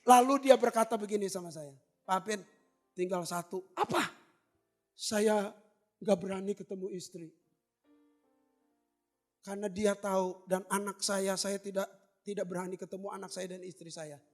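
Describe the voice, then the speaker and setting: A man pastor preaching a sermon, telling a story and acting out both sides of the conversation, rising to near shouts at the climaxes. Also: high voice, fairly even intonation, moderate pace, long pauses, faint music behind. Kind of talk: sermon with acted-out anecdote. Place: church.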